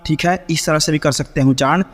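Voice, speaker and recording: A man teaching Vedic chanting, who explains pronunciation in quick bursts and then chants Sanskrit mantras slowly and melodically. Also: a little high, steady tone, in a large hall. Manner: checks in often with short affirmations.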